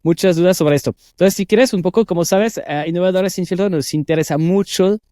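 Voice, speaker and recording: This podcast host is a Frenchman whose first language is French, and his high-pitched voice moves briskly with no echo. He opens with a scripted intro, then shifts into casual interview chat, offering enthusiastic, warm praise dotted with hesitation fillers.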